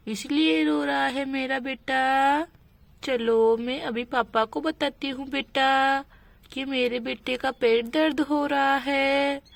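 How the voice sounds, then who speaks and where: A woman's voice: high-pitched, gravelly, no room sound, exaggerated voice. A woman voicing a worried young village mother in a doll storybook, anxious and pleading.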